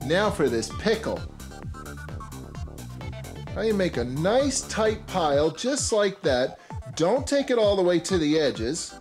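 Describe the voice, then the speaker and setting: A man's voice: high voice, very animated, slow, pauses often, a little mellow, soft background music. A man in his thirties hosting a cooking show, talking viewers through each step in an upbeat, instructive way with playful asides. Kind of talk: scripted cooking show presenting. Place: home kitchen and supermarket.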